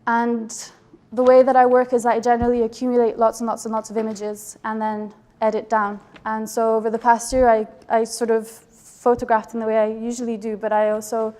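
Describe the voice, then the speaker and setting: A woman photographer from the Geneva border area between Switzerland and France presents her residency project in a reflective artist talk, her accent an indeterminate blend of English and French. Her slightly high voice is fairly level, almost monotone. She hesitates often, filling pauses with soft ums.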